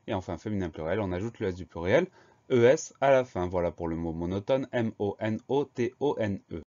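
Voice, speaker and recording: A man teaching a spelling lesson, slow and patient, spelling each word letter by letter. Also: lowish voice, lively intonation, mellow, dull audio.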